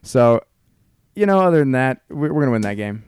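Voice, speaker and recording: A man co-hosting a casual sports podcast, chatting quickly through football analysis. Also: mid-range voice, very animated, darkish tone, clean tone, dry recording, clean studio sound. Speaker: podcast co-host.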